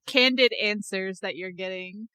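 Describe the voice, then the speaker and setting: A woman's voice: medium pitch, unhurried, bright, forceful tone, smooth, no room sound. A woman co-hosting a podcast, answering a spooky scenario with wry, joking pushback. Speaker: podcast co-host. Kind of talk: casual chat.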